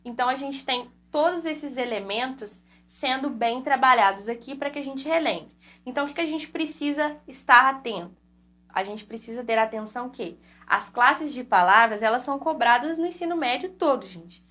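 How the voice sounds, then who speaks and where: A young woman with a slightly high voice gives an online exam-prep lecture. She walks through the rules point by point and keeps checking in with her listeners. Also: animated, normal speed, bright, forceful tone. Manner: explains step by step with frequent tag questions. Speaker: Portuguese teacher.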